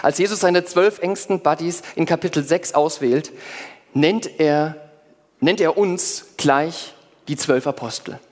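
A man preaching a sermon in first person as one of the apostles, lively, with playful asides to his congregation. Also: a little high, a little slow. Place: church hall before a congregation. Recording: long hall reverb.

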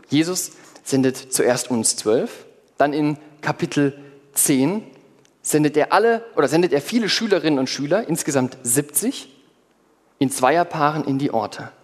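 Male preacher, slightly high voice, lively sermon in role as an apostle, long church reverb. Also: a little slow. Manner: lively, playful asides to the congregation. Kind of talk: sermon told in first person as one of the apostles. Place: church hall before a congregation.

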